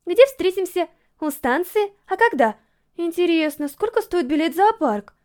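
A woman reading aloud, voicing an eager, shy teenage schoolgirl who chatters excitedly. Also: extremely high pitch, moderate pace, pitched above the performer's own voice.

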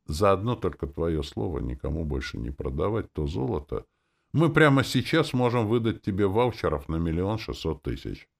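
A man's voice: low-pitched, very animated, normal speed, creaky, voice pushed up, full character voice. A man voicing a jovial, ingratiating male gnome merchant in an audiobook, sweet and coaxing. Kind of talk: audiobook character voice.

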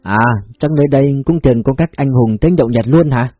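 Guy reading a coarse drunk cop type, husky, dull lo-fi. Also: medium pitch, quick pace, soft background music, lightly acted. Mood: prying. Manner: slurred, coarse. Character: crude drunken secret police man.

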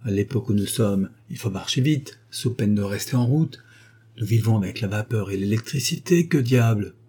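A man voicing a cynical, scheming male journalist in an audiobook, talking in a brisk, mocking, commanding way. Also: fairly low pitch, animated, mellow, breathy edge. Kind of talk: audiobook character voice.

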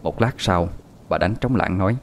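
A man narrating a story in a calm, measured scripted reading. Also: low voice, slight background noise.

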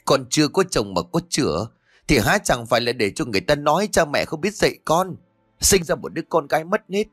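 A man's voice: a little high, lively intonation, normal speed, vocal fry, husky, soft background music, pitched above the performer's own voice, heavily acted. A man voicing a distraught middle-aged mother who reproaches her daughter in a wailing tone. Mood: tearful reproach. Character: grieving scolding middle-aged village mother.

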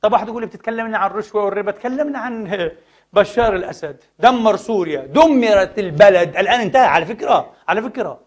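A man preaching a sermon lesson, addressing the brothers with rhetorical questions and swinging between loud outbursts and quiet asides. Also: sits high, animated, quick pace. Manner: impassioned, rhetorical questions to the audience.

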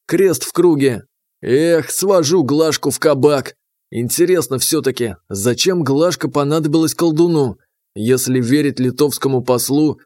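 A man's voice: fairly high pitch, darkish tone, no room sound, clean studio sound. A man narrating a first-person audiobook in a wry, plain manner with coarse asides. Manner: wry, coarse inner monologue.

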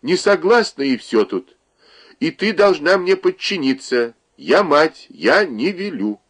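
A man voicing a fussy, scolding elderly mother, breaking into shrill outbursts in a read-aloud story. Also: wildly swooping pitch, measured pace, husky, exaggerated voice.

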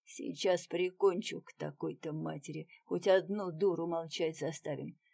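A woman's voice: deep voice, fairly even intonation, normal speed, vocal fry, mellow, slightly rough, no room sound, heavily acted. A woman voicing a coarse, menacing male gunman with crude, threatening talk in a storybook reading.

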